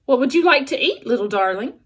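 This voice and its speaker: Woman playing a cheerful, polite robot with lively pitch. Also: quick pace, breathy edge, exaggerated voice. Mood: friendly, cheerful. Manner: cheerful, formal wording without contractions. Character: polite, friendly female robot, earnest and literal.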